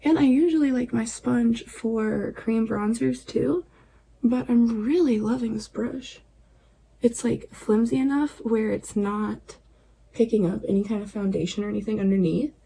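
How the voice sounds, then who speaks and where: A woman chatting casually through a makeup tutorial at home at night, relaxed and chatty, often dropping to a near-whisper. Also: a little high, unhurried, creaky, slight background noise, poor audio. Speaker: beauty vlogger.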